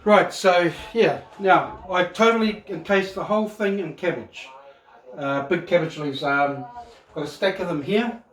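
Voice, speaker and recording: A man in middle age speaks with a Maori New Zealand accent in a fairly high register. He rambles easily through a home cooking demonstration in loose, colloquial phrases. The room rings noticeably around his voice, as if recorded on a phone across the counter. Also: unhurried, fairly bright tone. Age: middle-aged. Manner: laid-back, rambling, colloquial. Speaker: home cook presenting a cooking video. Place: home kitchen, indoors. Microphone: phone camera across the counter. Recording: echoey kitchen, camera at a distance.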